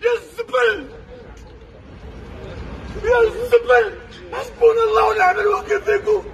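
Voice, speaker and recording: Algerian man angrily crying, very high-pitched. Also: steady tone, normal speed, vocal fry. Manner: angry crying shouting, cursing. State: crying with grief and anger. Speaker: stranded traveller protesting. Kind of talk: angry public tirade. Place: outside an airport terminal among a crowd. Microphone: bystander's handheld phone. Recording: outdoor crowd noise, phone video.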